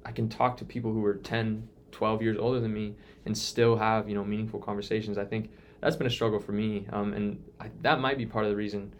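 Earnest young man, lowish voice. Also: little pitch movement, fairly quick, few pauses, a little hiss or hum. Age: 20s. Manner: earnest, reflective, many restarts. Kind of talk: casual conversation.

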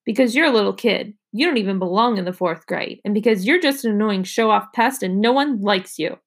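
A hot-tempered schoolboy, sulky and quick to taunt, as a woman reading a storybook puts him on. He speaks in the plain tone of a read-aloud. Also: mid-range voice, close to an everyday voice. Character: hot-tempered fourth-grade boy, rivalrous.

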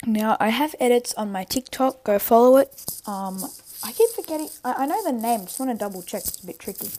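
A young woman sick with tonsillitis, chatting casually and haltingly on a solo podcast, rambling and interrupting herself. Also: fairly high pitch, expressive, dark tone. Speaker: podcast host.

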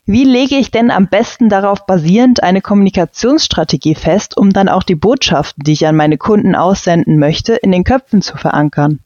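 Female interviewer, structured and clear questions, lo-fi dull recording. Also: mid-range voice, mellow, dry recording.

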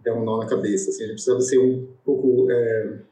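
A man's voice: mid-range voice, flat delivery, fast, dark tone. A man hosting an online panel, rambling casually with restarts and hesitations. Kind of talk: casual online video call discussion. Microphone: video call. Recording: echoey room on video call.

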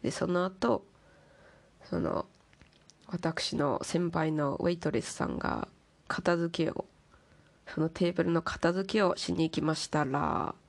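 A woman's voice: sits low, expressive, unhurried, vocal fry, pauses often. A woman host chatting casually in a monologue, playfully putting on ornate, polite refined-lady speech. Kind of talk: casual monologue talk to listeners.

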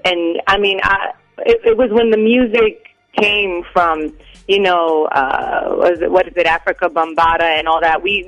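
A woman's voice: on the low side, no room sound, lo-fi sound. A woman in her forties, a guest calling in, chatting casually and laughing often, gushing with thanks. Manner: giggly, effusive. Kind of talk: casual chat. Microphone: phone line.

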